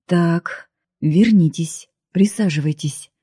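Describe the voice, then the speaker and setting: A kind-hearted police investigator in an audiobook, voiced by a woman speaks gently and soothingly. The tone is low and dark. The voice is husky and dry. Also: slow pace, no room sound, exaggerated voice.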